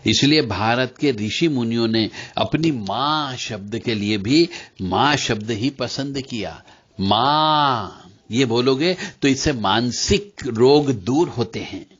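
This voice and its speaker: A man teaching about mantras in a devotional lecture, speaking directly to listeners and chanting syllables slowly between explanations. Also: medium pitch, lively intonation, husky. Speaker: spiritual teacher. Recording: slightly dull lo-fi recording.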